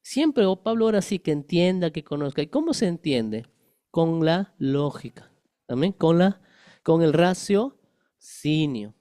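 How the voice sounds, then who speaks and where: A man's voice: a little high, sing-song, a little slow, dark tone, clean tone, no echo, studio quality. A middle-aged male pastor giving a conversational Bible-study sermon, explaining verses with everyday examples and asking the congregation rhetorical questions.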